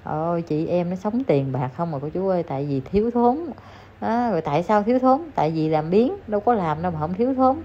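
A woman's voice: lowish voice, expressive, a little fast, dark tone. A woman giving casual, gossipy commentary to her viewers in an emphatic, repetitive, scolding manner. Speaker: online commentator addressing viewers. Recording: slightly dull lo-fi audio with faint ambience.

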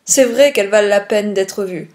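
A woman's voice: medium pitch, moderate pace, a little mellow, close to an everyday voice. A woman reading the part of a smug, talkative wealthy businessman, in a spoken storybook. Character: self-satisfied wealthy husband, businessman.

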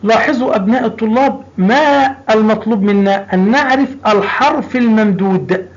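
A man's voice: high voice, fairly quick, a little hiss or hum. A man teaching a primary school language lesson, patiently drawing out sounds and repeating words for young pupils. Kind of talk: recorded classroom lesson. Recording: dull lo-fi recording.

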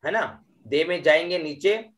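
A man teaching Vedic mantra recitation in an online class, explaining each syllable and then chanting the verse in long, drawn-out tones, often checking in with his students. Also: on the high side. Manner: tags sentences with "है ना" and "ठीक है".

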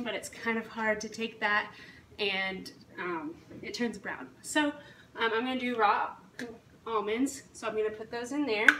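A fitness coach in her thirties explains her routine to a camera a few feet away in her home kitchen, talking casually and matter-of-factly. Her voice is fairly high and a bit bright, and the recording is echoey with a distant mic and faint hiss.

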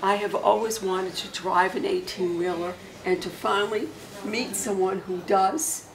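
A woman's voice: mid-range voice, fairly even intonation, a little slow, vocal fry, crowd noise, rough recording. An older woman who hosts book interviews, speaking in an effusive, gushing way while seated in an armchair in a bookstore. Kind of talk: enthusiastic interview hosting.

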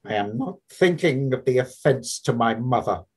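A man's voice: medium pitch, expressive, moderate pace, a little mellow, husky. A man voicing a cold, proud, brooding young man who speaks in a clipped way.

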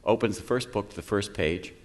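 A man's voice: fairly low pitch, fairly quick, slight background noise. A man telling jokes and stories in a folksy, humorous manner at a live storytelling show. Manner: folksy, joking delivery. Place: festival stage in a library. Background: banjo playing.

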